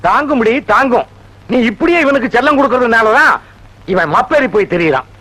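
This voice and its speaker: Brief: shouty comic village father, high and sharp. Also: animated, a little fast, heavily acted, low-quality recording. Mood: scolding. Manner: loud, exclaiming, sing-song praise. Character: comic village man and father, loud and theatrical. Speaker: film actor. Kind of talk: Tamil film comedy acting.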